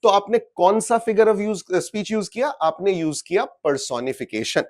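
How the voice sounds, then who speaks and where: A man's voice: high voice, expressive, a little slow, darkish tone. A man with an Indian accent teaching an exam prep lecture, explaining step by step, asking rhetorical questions and mixing Hindi with English. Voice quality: switches between Hindi and English mid-sentence. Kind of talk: recorded class lecture.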